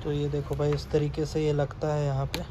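Fairly quick and monotone, with a fairly high pitch, an Indian vlogger-host talks casually to his audience while filming on an action camera he holds. He's in a small indoor shop selling motorbike accessories, explaining things loosely and repeating what matters. There's clear ambient noise from the busy room.

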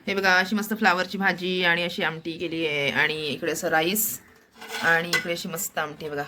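Woman, family vlogger, casual phone-recorded chat at home, faint background noise. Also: fairly low pitch. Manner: chatty, addresses viewers as friends.

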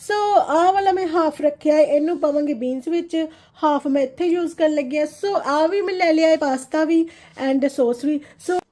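High-pitched chatty Punjabi woman vlogger. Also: moderate pace, warm tone. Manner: chatty, addresses viewers directly with English phrases mixed in. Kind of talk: casual chat to viewers about daily routine.

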